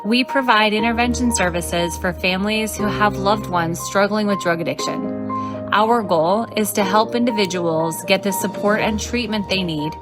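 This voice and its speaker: A woman reading a scripted sponsor advertisement in a smooth, promotional way. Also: mid-range voice, normal speed, over loud music. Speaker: ad announcer. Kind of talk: read commercial.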